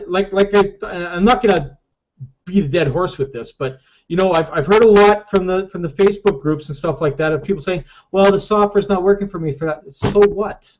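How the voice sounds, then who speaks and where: A man leading a casual group call as a marketing team leader, emphatic and repeating "okay?" often, over dull lo-fi call audio. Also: high voice.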